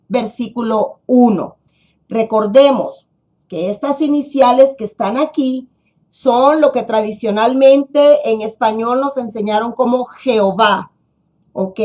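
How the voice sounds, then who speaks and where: Brief: woman congregation teacher, high voice, unhurried Bible lesson, leans on key phrases. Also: a little mellow. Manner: slow, deliberate, repeats and stresses key words.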